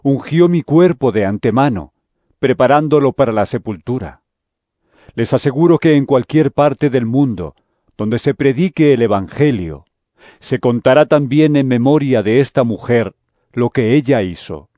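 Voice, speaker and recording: A man playing Jesus as a solemn, deliberate teacher in a scripture audio drama. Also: mid-range voice, expressive, mellow, dry recording, lightly acted. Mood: gentle rebuke. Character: Jesus, solemn adult male teacher warning and instructing disciples.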